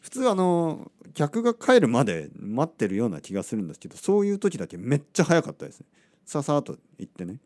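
Male podcast host, mellow tone, wildly swinging pitch, dry close sound, casual storytelling. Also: fast, no echo. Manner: animated, acts out quotes, asks listeners rhetorical questions.

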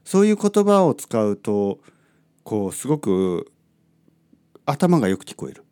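Mellow, clear and resonant, this middle-aged man's fairly low voice is very animated yet unhurried. He hosts a podcast, chatting loosely about Japanese and frequently cutting himself off mid-thought.

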